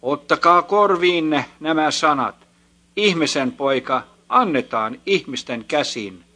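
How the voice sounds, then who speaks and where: Man reading Jesus: solemn male teacher, grave and measured, bright voice. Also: on the high side, animated.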